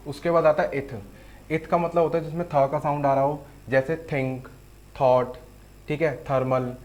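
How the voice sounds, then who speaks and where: There's a faint hiss or hum as a man with a somewhat high, darkish voice gives an online shorthand lesson. Demonstrating on a board, he goes stroke by stroke with patience, frequently adding "theek hai."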